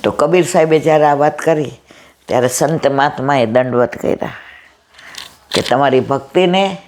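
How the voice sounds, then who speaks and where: A middle-aged woman with a loud, powerful voice, giving a devotional storytelling discourse and acting out the dialogue in her stories. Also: low-pitched, normal speed. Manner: retells stories with quoted dialogue. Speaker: satsang speaker.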